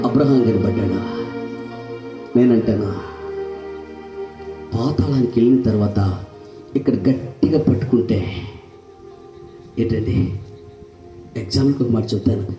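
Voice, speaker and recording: A male pastor preaches with fervor, firing off rhetorical questions and shouting blessings. His high voice swoops widely from line to line. He sounds a bit off the mic in an echoey hall, with music underneath. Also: recorded from a distance. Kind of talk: fervent sermon.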